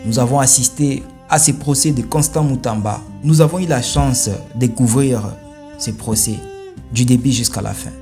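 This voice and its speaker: A man hosting an online news commentary channel, speaking in an emphatic, rhetorical way with forceful peaks. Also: medium pitch, normal speed, soft background music. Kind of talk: opinionated commentary.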